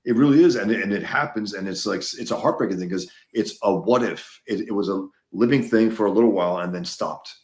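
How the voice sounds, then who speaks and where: A man's voice: fairly low pitch, brisk, hardly any pauses, echoey room. A man from the United States, a guest in a casual conversation, talking emphatically and repeating words as he gets worked up.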